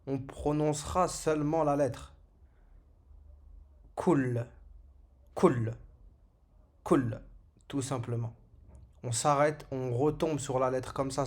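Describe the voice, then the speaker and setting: Slow, patient man teaching letters. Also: mid-range voice, a little mellow. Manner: patient, repeats sounds and phrases for learners. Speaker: Arabic teacher. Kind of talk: slow step-by-step alphabet lesson.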